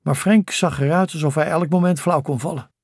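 A man's voice: on the high side, fairly quick, slightly rough, no echo. Man narrating an audiobook, dry close sound. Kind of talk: scripted narration.

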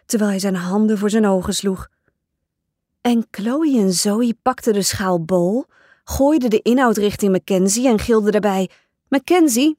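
A woman's voice: mid-range voice, darkish tone, no echo, studio quality. A woman narrating a first-person diary in a bubbly, dramatic teen-girl manner. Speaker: audiobook narrator.

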